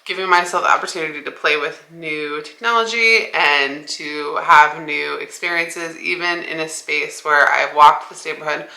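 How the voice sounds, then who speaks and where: A woman's voice: deep voice, pushed and bright, roomy sound. A young woman talking casually to her camera in a vlog, rambling with many "like" fillers. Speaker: vlogger. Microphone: small 360 camera.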